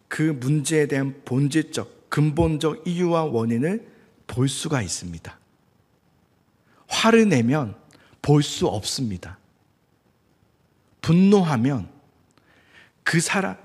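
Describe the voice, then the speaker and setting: A male pastor preaching a sermon in an animated way, acting out quoted speech. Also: medium pitch. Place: church sanctuary. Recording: church hall reverb.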